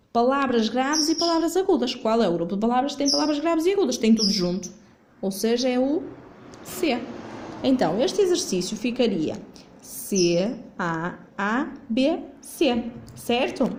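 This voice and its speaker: A woman's voice: a little high, darkish tone, slight background noise. Patient woman teacher. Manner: patient, asks questions and answers them herself. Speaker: primary school teacher. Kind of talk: remote lesson going over a worksheet. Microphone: phone filming while she writes.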